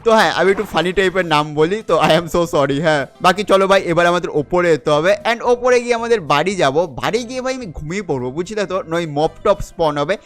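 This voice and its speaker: Fast, high-voiced young man gaming. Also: fairly bright tone. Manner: chatty, keeps calling the viewer "brother", mixes in English words. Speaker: gaming channel host. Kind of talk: casual gameplay commentary.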